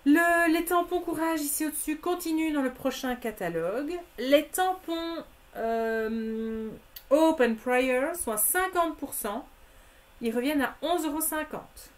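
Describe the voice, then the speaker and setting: A woman's voice: sits high, a little slow. A woman presenting craft products in a live stream, methodically listing discounts and prices and speaking familiarly to her viewers.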